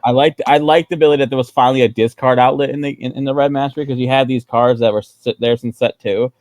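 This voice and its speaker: A man's voice: mid-range voice, steady tone, fast, darkish tone, no echo. A man co-hosting a casual gaming chat, grumbling and rambling with plenty of profanity.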